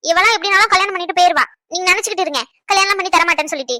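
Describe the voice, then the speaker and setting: A woman's voice: extremely high pitch, very fast, sharp tone, no echo, studio quality. A woman voicing a jealous, chattering young pregnant wife. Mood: jealous teasing. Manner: playful, scolding, then tender.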